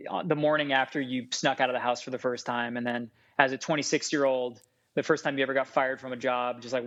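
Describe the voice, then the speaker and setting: Rambling and animated, a man with a mid-range voice appears as a podcast guest, chatting casually and using many fillers. He grew up speaking Farsi and works as a chef and food scientist. The audio is dull and lo-fi.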